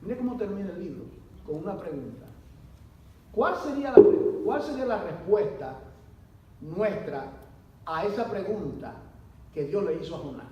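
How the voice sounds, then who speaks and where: A man, a pastor, preaching a sermon in a church, asking his listeners questions and swinging sharply between soft and loud delivery. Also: very animated, normal speed, pauses often, highs cut off. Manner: preaching with rhetorical questions and dramatic swings in pitch and volume. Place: church hall. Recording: echoey church hall, voice from far off, faint hum.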